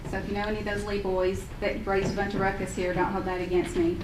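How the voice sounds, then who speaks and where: A woman's voice: medium pitch, quick pace. Chatty woman, roomy and distant. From Sequatchie Valley, Tennessee. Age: middle-aged. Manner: friendly, chatty, lots of ums and uhs. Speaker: hospital imaging director. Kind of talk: unprepared public remarks. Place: county meeting hall. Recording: echoey hall, distant mic, steady hiss.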